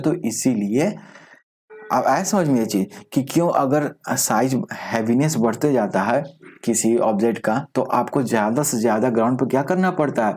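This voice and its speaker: A man teaching a school science class online, often asking rhetorical questions and mixing in English terms, reading definitions out slowly. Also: mid-range voice, a little mellow. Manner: explains with frequent rhetorical questions. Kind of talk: recorded online class lecture.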